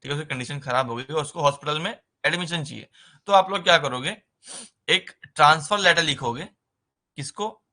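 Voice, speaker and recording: A man teaching a nursing writing-exam lesson in a conversational way, often pausing with a filler and mixing terms into his speech. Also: fairly high pitch, pushed and bright. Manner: conversational, repeats "ठीक है" as a filler, mixes English terms into Hindi. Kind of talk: explaining exam basics in a recorded lesson.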